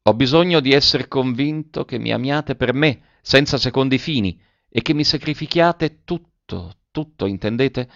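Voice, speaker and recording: A man's voice: medium pitch, normal speed, creaky, a bit bright, no room sound, highs cut off, voice pushed up. A man voicing an anxious young lover in a read-aloud novel, pleading urgently with a trembling voice.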